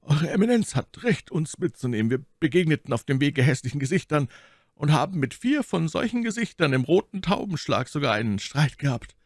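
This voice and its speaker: A man's voice: fairly high pitch, big pitch swings, fairly quick, no echo, clean studio sound, pitched above the performer's own voice. A man voicing a proud male musketeer who speaks firmly and formally in a raised voice, in a storybook reading. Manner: bold, firm and formal.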